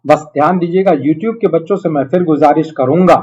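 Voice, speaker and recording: A man with a moderately high-pitched voice teaches an online class. He talks conversationally and explains step by step, as one would to children. He is encouraging and keeps adding little tags to check that his students follow. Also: a little fast, darkish tone, highs cut off. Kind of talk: live quiz lesson with students, conversational teaching.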